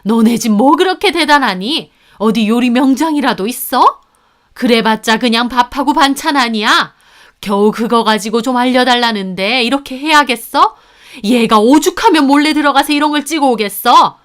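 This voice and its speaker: A woman's voice: medium pitch, a little slow, natural voice. A woman voicing a scornful middle-aged mother-in-law. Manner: scolding, dismissive.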